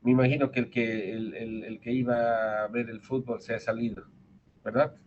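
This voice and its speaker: A man with a Bolivian Spanish accent teaches medicine over a video call, explaining carefully and circling back on his words. His voice sits at an ordinary middle pitch. The audio is dull and lo-fi, with a faint hiss behind it. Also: little pitch movement, moderate pace, darkish tone. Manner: explanatory, repeats and restarts words. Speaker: medical lecturer. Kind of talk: online medical lecture.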